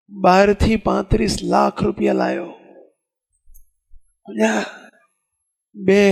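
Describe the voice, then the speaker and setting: High gravelly Gujarati preacher, man. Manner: animated storytelling, rhetorical questions to listeners. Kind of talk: sermon.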